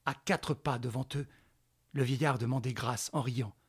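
A male narrator tells a radio drama in a measured, dramatic storytelling voice. His tone is mid-pitched with a husky, slightly breathy grain. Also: steady tone.

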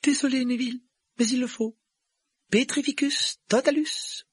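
Bossy clever girl, read by a man: high falsetto, clipped and insistent. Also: steady tone, breathy edge, no echo, clean studio sound. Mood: rueful. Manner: brisk, insistent.

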